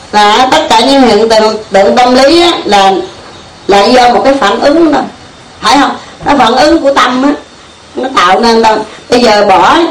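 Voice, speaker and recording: A woman's voice: fairly high pitch, slight background noise. An older woman gives a folksy Buddhist teaching full of stories, often asking her listeners rhetorical questions and laughing. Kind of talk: Dharma talk with storytelling. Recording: echoey room, mic far off.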